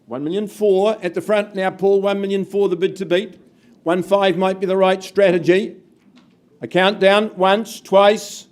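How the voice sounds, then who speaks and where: High-pitched male auctioneer calling bids. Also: flat delivery, unhurried. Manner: projected, emphatic count-down calls to the room. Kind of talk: live property auction calling. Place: live auction room with bidders.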